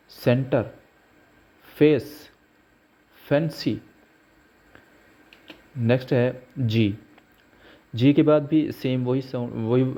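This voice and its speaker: A man teaching pronunciation rules, slowly spelling out letters and example words. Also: mid-range voice, dark tone. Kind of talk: slow explanatory lesson. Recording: dull lo-fi recording.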